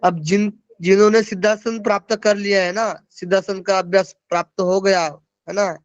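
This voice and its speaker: A man teaches yoga over a video call, working through verse after verse and checking that his students follow. His voice sits high and sounds smooth and clear, close and dry. The call audio is dull and lo-fi. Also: flat delivery, moderate pace, no echo. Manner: explains verses, checking in with listeners. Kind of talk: online class lecture.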